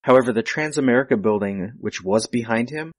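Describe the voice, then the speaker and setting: A man's voice: mid-range voice, brisk, no echo. A man, hosting a podcast and casually picking apart a film with the others. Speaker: podcast host. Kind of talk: casual film commentary chat.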